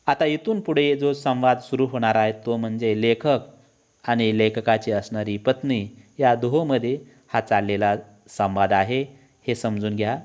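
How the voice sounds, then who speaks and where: Male teacher, explanatory classroom delivery, defines words, medium pitch. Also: unhurried, a little mellow, muffled recording.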